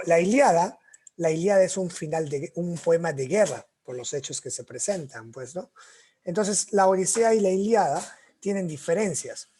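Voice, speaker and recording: A man's voice: high voice, darkish tone, slight background noise. A young man with a Peruvian accent lecturing a literature class, retelling stories with quoted voices and checking in with tag questions after most phrases. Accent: Peruvian Spanish. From Peru. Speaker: literature teacher.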